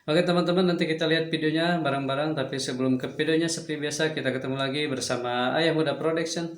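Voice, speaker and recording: A man's voice: fairly high pitch, steady tone, fast talker. A man with an Indonesian accent giving casual reaction commentary as host, drawing out phrases to his viewers. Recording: echoey untreated room.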